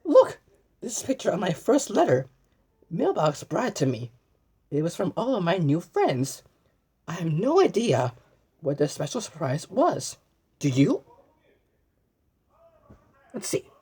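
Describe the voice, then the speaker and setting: A woman with a lowish, breathy, warm voice reads a children's storybook aloud in a sing-song way. She exclaims, often stumbles over and repeats words, and asks the listener questions, pausing as if hearing answers. It's an animated read-aloud with asides to the viewer.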